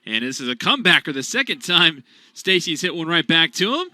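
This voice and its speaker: Calling a college baseball game on the radio, a male play-by-play announcer speaks briskly, staying even between pitches and rising in volume when big plays happen.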